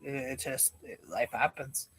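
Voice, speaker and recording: A man's voice: medium pitch, unhurried, fairly bright tone, husky, no echo, low-quality recording. A man with a laid-back, meandering stoner drawl, chatting casually and rambling like a live streamer. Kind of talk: casual rambling livestream chat.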